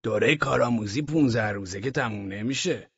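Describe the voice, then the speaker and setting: A man's voice: medium pitch, husky, dry recording, muffled recording. A man voicing a boastful, talkative grown man who complains while telling his own story in an audiobook. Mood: aggrieved boasting. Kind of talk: audiobook character reading.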